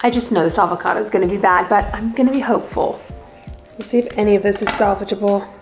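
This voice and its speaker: A lifestyle and fitness vlogger in her twenties chats casually and gushes in a bubbly way, holding the camera at arm's length in her home kitchen and bedroom, later in a parked car. Her mid-range voice keeps a steady tone and a quick pace over music.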